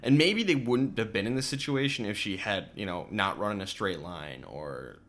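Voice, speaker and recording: A man's voice: lowish voice, lively intonation, normal speed, a bit bright. A man co-hosting a podcast, casually recapping a horror film with wry asides. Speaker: podcast co-host. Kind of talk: casual chat.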